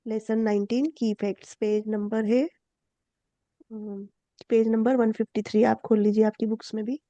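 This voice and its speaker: Woman, grammar teacher, asks students questions as she explains, mellow voice, slightly high pitch, lo-fi dry recording. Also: little pitch movement, normal speed, no room sound. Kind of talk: online class explanation. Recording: dull low-fi dry sound.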